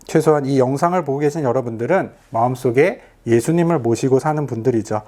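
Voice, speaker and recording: A man giving a recorded video sermon to a youth group as their pastor, earnest and gentle, speaking directly to his listeners. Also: mid-range voice, fast talker.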